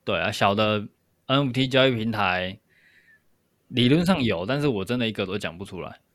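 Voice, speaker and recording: Man, lowish voice, casual discussion, explanatory, dry sound. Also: animated, normal speed, fairly bright tone, no room sound. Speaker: podcast co-host.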